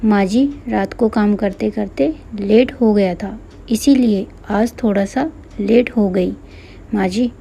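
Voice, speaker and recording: A woman's voice: medium pitch, slow, creaky, a little hiss or hum. A woman doing a meek young daughter-in-law. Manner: soft, pleading.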